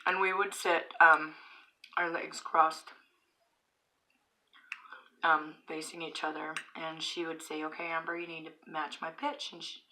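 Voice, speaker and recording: Middle-aged woman vlogger, bright and lowish-pitched, chatting and chuckling between bites in her bedroom. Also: level tone, a little slow, long pauses, low-quality recording. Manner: chatty, chuckling, fillers while chewing. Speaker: mukbang vlogger. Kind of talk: casual storytelling while eating.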